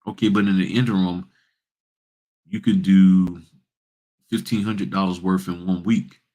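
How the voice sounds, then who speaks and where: Deep-voiced man giving blunt straight talk. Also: fairly even intonation, measured pace, warm tone. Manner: blunt, rhetorical, teasing. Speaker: notary business channel host. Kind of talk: casual, preachy straight-talk monologue.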